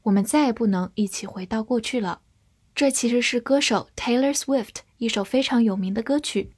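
A woman English teacher giving a scripted vocabulary lesson, spelling each word letter by letter and reading example sentences slowly. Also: on the high side, a little mellow, breathy edge, no echo, clean studio sound.

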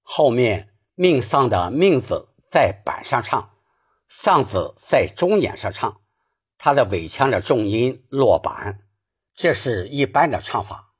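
A man's voice: medium pitch, sing-song, slow, slightly rough. A man giving a spoken Peking opera singing lesson, patiently explaining technique step by step.

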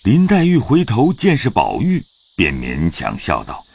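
A man narrating a classic novel as an audio drama, in a slow, expressive, dramatic reading. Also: fairly low pitch, gravelly, slightly rough.

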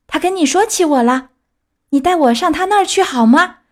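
A woman voicing a young wooden puppet boy in an audiobook, pleading in a high wailing voice. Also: lively intonation, normal speed. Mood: eager. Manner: high wailing, sobbing pleas. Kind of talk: audiobook character voice.

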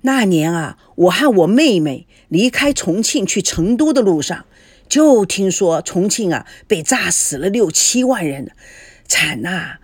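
A woman's voice: medium pitch, very animated, a little slow, breathy edge, no echo. A woman playing an elderly war survivor. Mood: reminiscing. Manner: drawling, sighing storyteller. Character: elderly war survivor reminiscing over drinks.

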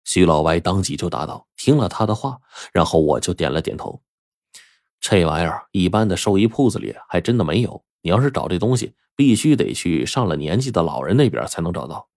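A man narrating a first-person story for an audiobook in a colloquial, animated way. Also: sits low, fairly quick, no room sound, studio quality.

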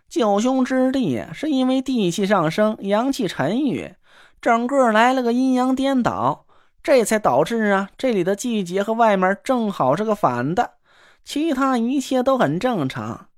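A man's voice: very high voice, animated, a little slow, no echo, studio quality. A man voicing an impatient, hungry young woman adventurer who answers curtly. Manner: curt, impatient.

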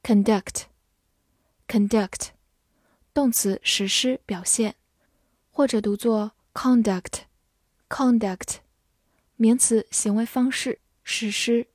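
A woman teacher reading a vocabulary drill, saying each English word twice in a measured, clear manner before reading its meanings. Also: a little high, steady tone, no room sound, studio quality.

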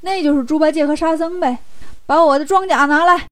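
A woman's voice: sits high, fairly quick, no echo, lightly acted. A woman voicing a boastful, gluttonous male demon king who mocks his enemies, in a children's story. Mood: sly gloating. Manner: gloating, mocking.

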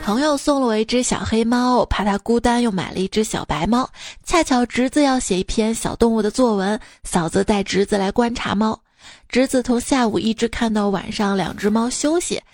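Female radio host, amused joke reader, fairly high voice, dry close sound. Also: normal speed, a little mellow, no room sound. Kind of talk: reading listener jokes.

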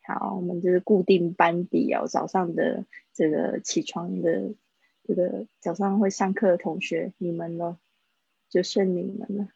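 A woman teaching English words in a live online lesson. She explains slowly and repeats each word for pronunciation. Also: lowish voice, little pitch movement, gravelly, warm tone, breathy edge, no room sound. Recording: dull, dry livestream audio.

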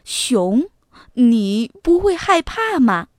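A woman doing a gentle, worried mother fox. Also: fairly high pitch, big pitch swings, drawn-out words, no echo, studio quality, exaggerated voice. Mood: caring. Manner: soft, fretful, encouraging. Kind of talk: children's storybook reading.

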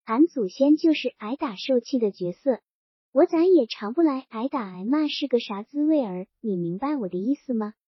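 A domineering, half-drunk middle-aged landlord barks orders and mocks the boy in front of him, voiced by a woman narrator. His lines come out gruff and scornful, though the voice sits high and a little husky. The storybook recording is dull and dry. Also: lively intonation, normal speed, no room sound. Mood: drunkenly emotional. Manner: gruff, mocking and bossy.

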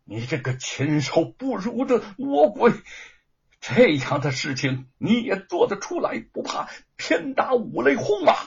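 A man's voice: mid-range voice, big pitch swings, measured pace, breathy edge, exaggerated voice. A man voicing an earnest, defiant male scholar who speaks with passion. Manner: impassioned, pleading. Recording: dull lo-fi recording.

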